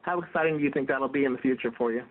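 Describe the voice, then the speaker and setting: A man's voice: mid-range voice, very fast. A man working as a reporter, putting a prepared question on a telephone press conference. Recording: tinny phone line conference call.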